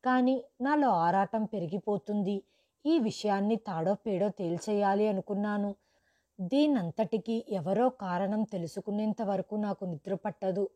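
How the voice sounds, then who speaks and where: A woman's voice: medium pitch, a little slow, dark tone. A woman reading a first-person story as scripted narration, dramatic, raising her voice for quoted lines.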